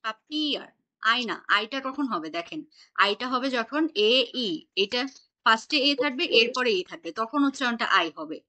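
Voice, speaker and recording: A woman's voice: on the high side, lively intonation, normal speed, sharp tone. A woman teaching an online German class, patiently quizzing her students on pronunciation over a video call.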